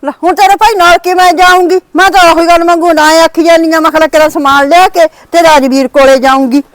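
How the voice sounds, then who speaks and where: A woman's voice: very high voice, steady tone, fast. A woman playing a quarrelsome old village mother who complains about her daughter-in-law. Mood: grumbling. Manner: complaining, grumbling. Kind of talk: family drama acting.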